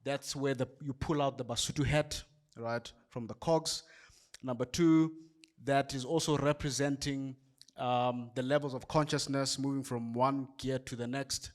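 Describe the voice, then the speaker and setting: A South African man hosts and closes an evening event. He speaks in a measured, explanatory way at an ordinary pitch and walks the audience through his points. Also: steady tone. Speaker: event host. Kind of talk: closing remarks at an event.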